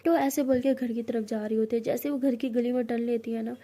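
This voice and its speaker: A woman's voice: a little high, fairly quick. A woman casually retelling a love story as a narrator, with lots of filler words. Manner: lively, retelling with many fillers.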